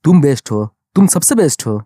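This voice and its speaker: A jittery young male fighter, as a male narrator puts him on in a manga recap. He whines and shouts his complaints, his voice climbing higher as he panics. The delivery is quick and dry-sounding. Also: big pitch swings, no echo. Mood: frantic.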